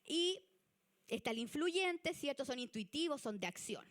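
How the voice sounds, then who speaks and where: A woman with a Chilean Spanish accent giving a church youth leadership lesson, chatty and animated. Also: high-pitched, unhurried. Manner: chatty and animated, acts out example people.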